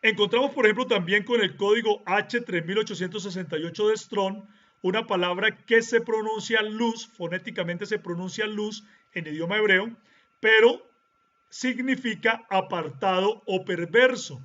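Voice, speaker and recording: Male Bible teacher, deliberate lecturing delivery, high-pitched, muffled lo-fi audio. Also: a bit bright. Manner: deliberate, lecturing, checks in with rhetorical "¿sí?". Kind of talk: explanatory teaching monologue.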